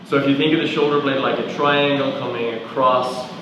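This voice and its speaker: A man guiding a body scan as a movement coach, asking calm step-by-step questions about each body part. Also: medium pitch, fairly quick, background noise. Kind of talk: guided body scan instruction. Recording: echoey roomy sound from far off.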